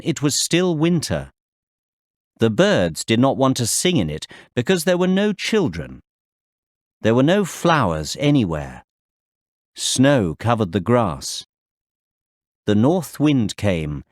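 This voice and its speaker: A man's voice: medium pitch, no echo, studio quality. A man reading a children's story and track announcements for a textbook course in scripted narration. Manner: slow, careful classroom reading with lively intonation.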